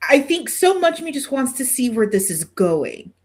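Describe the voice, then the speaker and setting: A woman's voice: sits high, very animated, normal speed, darkish tone. A woman hosting a podcast in casual chat, swearing freely and poking fun at herself with dramatic exaggeration. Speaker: podcast host.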